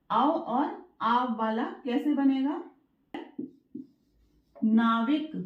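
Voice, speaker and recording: A woman teaching Hindi grammar for exam preparation. She goes slowly, explains step by step and keeps checking in with her students. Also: sits high. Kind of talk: exam-prep grammar lesson. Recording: echoey room, dull lo-fi sound.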